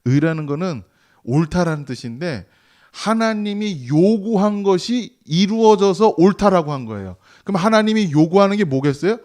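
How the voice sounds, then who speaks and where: A man's voice: high voice, lively intonation, normal speed, darkish tone. A male pastor preaching a Sunday sermon in a conversational way, asking the congregation rhetorical questions and acting out quoted voices. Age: 40s or older. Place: church sanctuary.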